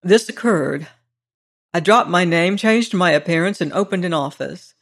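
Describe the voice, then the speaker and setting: A brisk, earnest gentleman detective, a bit stiff and proper, as a male reader voices him in an audiobook. the voice sits slightly high and carries an eager, impulsive push. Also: gravelly, heavily acted. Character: impulsive, stiff former solicitor turned detective. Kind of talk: audiobook character reading.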